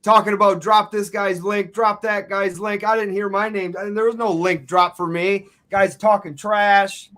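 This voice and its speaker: A man's voice: sits high, steady tone, normal speed, few pauses, sharp tone. A man co-hosting a casual livestream chat, making dry, grumbling jokes. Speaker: livestream co-host.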